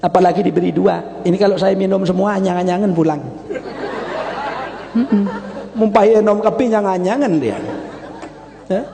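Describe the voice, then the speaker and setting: A middle-aged man preaches a humorous sermon, spinning stories and drawing out lists in a singsong cadence. His voice sits notably high for a man. It carries a long hall reverb over a faint background hiss. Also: vocal fry, a crowd in the background. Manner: storytelling, singsong drawn-out lists.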